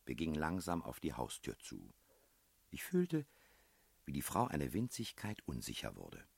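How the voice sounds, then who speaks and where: A man reading a novel aloud in a measured, expressive storytelling manner. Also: extremely low pitch, gravelly, slightly rough, no room sound. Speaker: audiobook reader. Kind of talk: literary narration.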